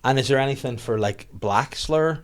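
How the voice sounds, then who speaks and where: At medium pitch and normal speed, a Northern Irish man chats on a podcast as a comedian guest. The conversation is casual, and he rambles, jokes and swears.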